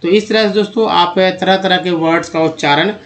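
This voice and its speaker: A man with an Indian Hindi accent teaches English reading to learners. His voice sits high for a man. He reads each word slowly, drawing it out and repeating it. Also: steady tone, a bit bright. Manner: slow drawn-out word readings, repeats words.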